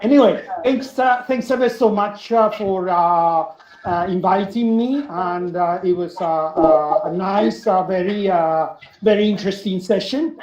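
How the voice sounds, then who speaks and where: A man's voice: high-pitched, a little slow, a little mellow. A man on a video call giving brief thanks, hesitant and full of "uh" fillers. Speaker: participant. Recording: dull echoey video call line.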